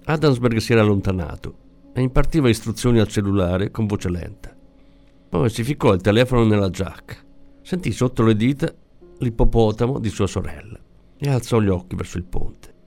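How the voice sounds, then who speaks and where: A man narrating an audiobook in a measured storytelling manner. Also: on the low side, lively intonation, vocal fry, warm tone, faint music behind. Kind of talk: scripted narration.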